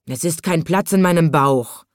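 A woman voicing a proud, grumbling male lion in a storybook reading, in a low growly tone. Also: big pitch swings, slow, a little mellow, dry recording, clean studio sound, full character voice. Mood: grumpy.

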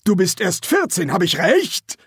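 Man doing a sly, booming old sergeant. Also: wildly swooping pitch, unhurried, breathy edge, no room sound, studio quality, exaggerated voice. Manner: cool, cunning, commanding.

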